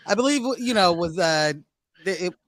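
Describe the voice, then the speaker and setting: A man co-hosting a podcast in casual chat, animated and laughing, heavy on slang. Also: high-pitched, dry recording. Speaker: podcast co-host.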